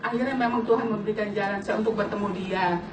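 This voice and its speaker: A woman in her late forties giving an animated personal testimony to an audience, laughing often and turning to address the listeners directly. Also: medium pitch, fast, crowd noise. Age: late 40s. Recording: echoey hall, distant mic, audience around.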